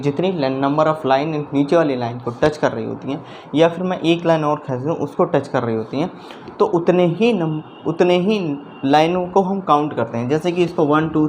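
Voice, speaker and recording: A man teaching a math lesson in a slow, deliberate way. He repeats his steps and keeps checking that the viewer is following along. There is faint noise behind his voice. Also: a little high, a little mellow. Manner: slow, repetitive explaining, often checking understanding.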